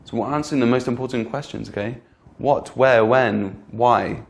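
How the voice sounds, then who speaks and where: A man at an ordinary middle pitch leads an online English pronunciation lesson. He talks patiently and says his example phrases slowly so that the stressed words stand out. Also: creaky, a little hiss or hum. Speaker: English teacher.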